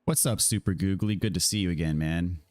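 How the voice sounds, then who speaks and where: An American game streamer with a fairly low, darkish voice, slightly raspy from a scratchy throat, talks fairly quickly. Laid-back and friendly, he casually answers his viewers' questions in livestream chat while he plays.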